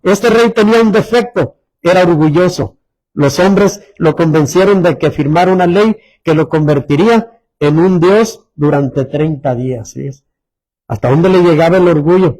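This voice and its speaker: A man. He keeps turning to his listeners with quick questions and then slows right down to read the scripture. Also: on the high side, a little mellow, low-quality recording. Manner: preaches with rhetorical questions to the congregation, reads scripture aloud slowly. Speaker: pastor. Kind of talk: sermon.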